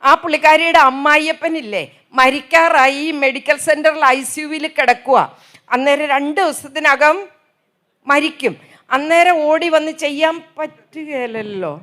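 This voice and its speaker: A woman in her seventies voicing a polite young woman beautician who explains herself quickly. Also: high voice, sharp tone. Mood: explaining.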